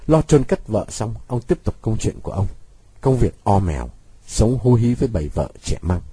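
A man narrating a novel in a dramatic, expressive reading. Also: fairly low pitch, normal speed, husky, no room sound. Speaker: audiobook narrator. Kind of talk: scripted story narration.

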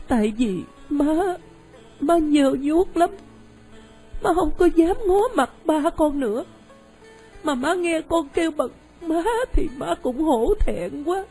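An actress in a radio drama playing a young mother full of shame who abandoned her child, speaking in halting, breathy phrases. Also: mid-range voice, dark tone, lightly acted, rough recording.

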